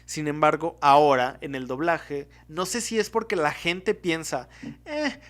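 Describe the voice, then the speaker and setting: Mexican man hosting a solo podcast, voice a touch higher than usual, chatty, loses his thread and backtracks. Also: unhurried, fairly bright tone. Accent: Mexican Spanish. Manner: rambling, stops to correct himself and backtrack. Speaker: podcast host. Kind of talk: casual solo podcast commentary.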